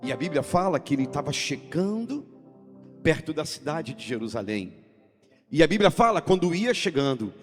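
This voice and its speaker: A man preaching a sermon dramatically, swinging between loud, half-sung phrases and hushed, low storytelling. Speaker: pastor. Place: church sanctuary. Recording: long church-hall reverb with music behind.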